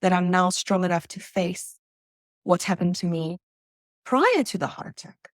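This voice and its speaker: A woman's voice: fairly low pitch, expressive, no room sound, studio quality. Earnest reflective woman from South Africa. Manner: earnest, reflective, halting at times. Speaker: guest. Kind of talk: emotional personal interview.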